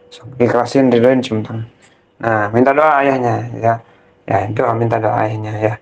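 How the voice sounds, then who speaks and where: A man, a ruqyah cleric gently guiding a family through prayer and rising into fervent pleas. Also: mid-range voice, little pitch movement, moderate pace, muffled recording.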